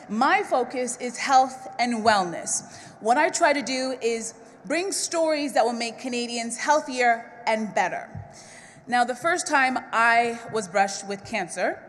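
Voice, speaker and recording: A woman's voice: on the high side, a bit bright, slight background noise. A woman hosting a public event, speaking with emotion and fighting back tears. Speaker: event host, TV co-host. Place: large event hall. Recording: long hall reverb.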